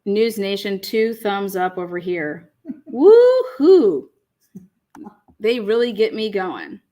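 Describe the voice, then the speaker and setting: A woman's voice: mid-range voice, sing-song, slow pace, mellow. A woman co-hosting a casual livestream, reading viewer comments aloud, laughing often and swearing casually. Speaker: livestream co-host.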